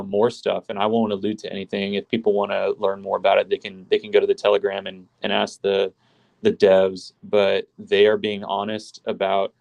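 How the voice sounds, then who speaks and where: A man's voice: on the low side, creaky, no echo, low-quality recording. A man chatting casually as a guest on a livestream. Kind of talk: casual chat.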